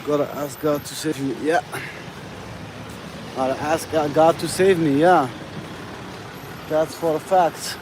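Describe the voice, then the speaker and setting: A man's voice: on the high side, fairly even intonation, slow pace, long pauses. A man from Algeria, chatting casually on a live stream while walking down a city street, rambling and friendly, with "you know" and "bro" in nearly every phrase. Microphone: phone. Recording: outdoor street noise with passing traffic. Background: urban ambience and vehicles.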